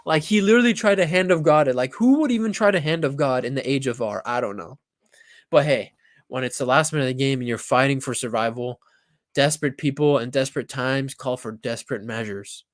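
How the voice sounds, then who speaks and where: A young man in casual, excited talk about a football match, acting out his reactions and swearing freely. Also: mid-range voice, fairly quick, no room sound, clean studio sound. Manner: animated, swears, acts out reactions.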